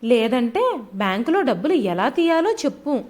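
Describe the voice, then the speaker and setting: A woman's voice: sits high, big pitch swings, normal speed. A woman doing a frail, pleading old man. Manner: soft, pleading. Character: frail elderly father-in-law, pleading gently.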